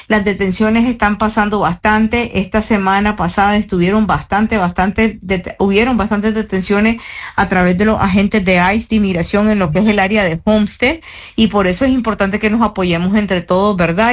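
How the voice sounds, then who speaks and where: A woman from Nicaragua with a Nicaraguan accent, an immigration lawyer hosting a live radio call-in show, speaking clearly and reassuringly and repeating phone numbers slowly. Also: mid-range voice.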